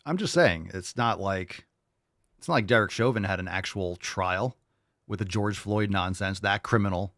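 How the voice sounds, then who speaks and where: A man's voice: low voice, normal speed, a bit bright, no room sound, clean studio sound. A man hosting a casual live commentary show, talking bluntly and profanely in a mocking way. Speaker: show host.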